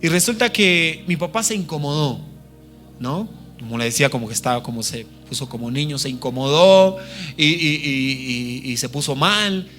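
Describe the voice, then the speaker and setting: A Peruvian missionary preacher delivers a sermon, telling a personal story in a slightly high, lively, fairly bright voice at normal speed, with soft music in the background. He's earnest and personal, checking in with listeners through frequent tag questions.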